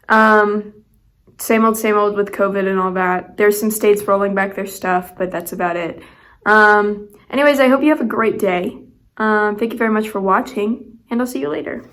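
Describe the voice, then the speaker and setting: Casual woman news presenter, halting delivery full of fillers, recorded in an echoey room, mid-pitched voice. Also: fairly bright tone. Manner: hesitant, frequent ums and uhs. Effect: echoey room sound. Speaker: news segment host.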